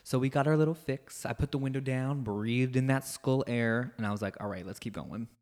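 A man's voice: mid-range voice, fairly even intonation, moderate pace, a little mellow. A man co-hosting a podcast, telling a travel story in a playful, joking way and acting out his own past lines. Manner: playful, jokey, quotes himself in voices. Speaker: podcast co-host. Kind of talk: casual travel chat.

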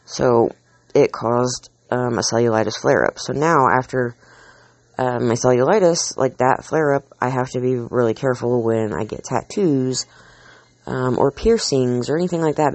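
Man, casual monologue host, chatty, tangents, filler words, mid pitch, dry room. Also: normal speed, darkish tone, dry recording. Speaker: host counting down a list.

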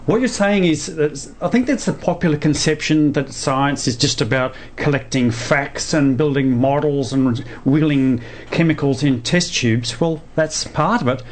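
A man's voice: a little high, a little slow, few pauses, a little hiss or hum. A man presenting a radio interview as host.

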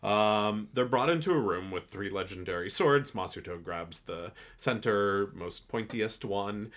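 A man with a fairly low voice recapping an anime with his podcast co-host. He talks in a loose, laid-back way, full of "um" and "like", and drops snarky asides. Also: lively intonation, measured pace, a bit bright. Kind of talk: casual recap chat.

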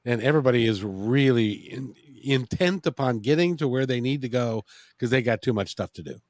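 A man's voice: medium pitch, expressive, a little fast, a little mellow, no echo. A man hosting a podcast in a casual interview style, informal and encouraging. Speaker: podcast host.

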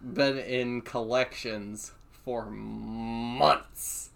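A man's voice: medium pitch, fairly even intonation, drawn-out words, vocal fry, a bit bright, a little hiss or hum. A man with a self-described nerdy voice, joking and teasing as a podcast co-host. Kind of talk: casual podcast chat.

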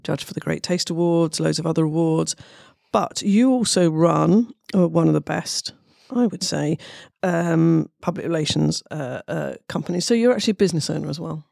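A woman with an English accent and a croaky, gravelly voice, presenting a talk show with vocal fry at the ends of her phrases. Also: deep voice, moderate pace, hardly any pauses, a little mellow, no echo, studio quality. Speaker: radio show host.

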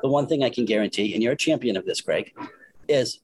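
A man's voice: medium pitch, lively intonation, fast, a little mellow, a little hiss or hum, rough recording. A man with a Worcester, Massachusetts accent talking in a casual panel discussion and asking the others questions.

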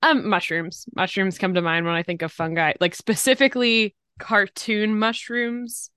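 A woman co-hosting a podcast in casual chat, relaxed and full of "like" and "um". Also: mid-range voice, normal speed, clear, resonant tone, no room sound. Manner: relaxed, many fillers like "like" and "um". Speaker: podcast co-host.

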